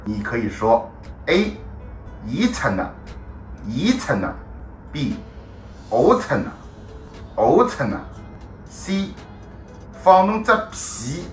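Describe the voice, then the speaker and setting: Slow, animated man giving a mock quiz. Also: mid-range voice, echoey room. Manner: mock-formal, deliberate quiz delivery. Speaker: presenter of a comic dialect lesson. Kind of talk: mock language-test narration.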